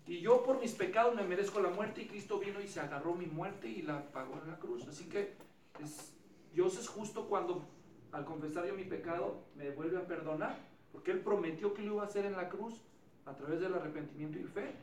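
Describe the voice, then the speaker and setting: A man preaches a sermon in a high, slightly fast voice with a darkish tone. His manner is conversational and self-deprecating, and he often checks in with listeners by asking them questions. The mic sits at a distance in an echoey hall, with faint ambience and a little hiss or hum.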